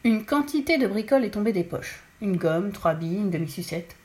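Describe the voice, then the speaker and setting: A woman narrating a children's story in a lively, expressive reading voice. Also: medium pitch, a little fast.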